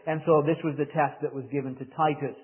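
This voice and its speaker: Male preacher, middle-aged, northern English accent. Fairly high, clean-edged but slightly husky voice avoided; measured Bible teaching over a thin, narrow-band recording. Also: steady tone. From northern England. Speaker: visiting preacher. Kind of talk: expository Bible sermon.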